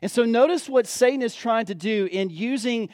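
A man's voice: extremely high pitch, moderate pace, a little mellow, no room sound. A man preaching a sermon in an earnest way, repeating key phrases for emphasis and growing emphatic on key points.

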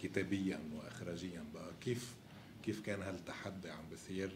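A man's voice: deep voice, steady tone, fast. A man with a Lebanese Levantine Arabic accent, asking questions as the interviewer in a film discussion. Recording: echoey room with loud noise.

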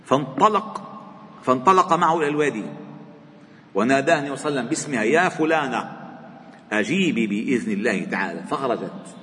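A man's voice: mid-range voice, expressive, quick pace, pauses often, pushed and bright. A man with a Lebanese accent teaching a religious lesson in a mosque, telling stories expressively and rising sharply when voicing people in them. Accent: Lebanese Arabic. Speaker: sheikh teaching a religious book. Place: mosque hall. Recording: long hall reverb, faint background noise.

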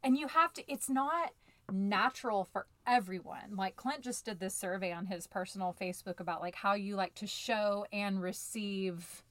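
Woman choir director on a podcast, blunt and jokey, mid pitch, dry close mic. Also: normal speed, no room sound. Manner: blunt, joking, expressive. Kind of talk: casual podcast chat.

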